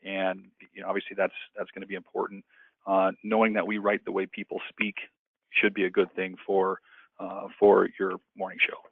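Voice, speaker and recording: Gravelly man on a tinny line. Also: low voice, no room sound. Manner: energetic, talks fast with many restarts. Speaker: radio programmer and webinar co-host. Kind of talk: casual webinar presentation. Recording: tinny phone-like audio.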